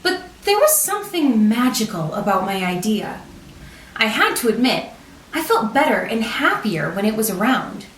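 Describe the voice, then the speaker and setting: Echoey, expressive woman reading a storybook. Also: fairly high pitch, a little hiss or hum. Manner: expressive, deliberate storytelling for children. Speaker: storybook reader, teacher. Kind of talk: read-aloud picture book narration. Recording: roomy echo, distant microphone.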